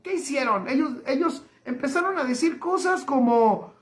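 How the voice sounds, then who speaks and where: A man, a pastor preaching a livestreamed sermon, emphatic and slowing down to repeat key phrases. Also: very high voice, animated. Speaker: pastor and teacher. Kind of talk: livestreamed sermon reading viewer comments.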